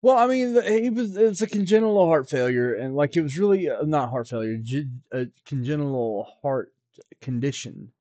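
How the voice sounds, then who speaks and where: A podcast co-host and card expert chats casually about collectibles, rambling, restarting sentences over and over, and filling gaps with fillers. His voice is fairly high-pitched with a dark tone and a moderate pace. The recording is dry.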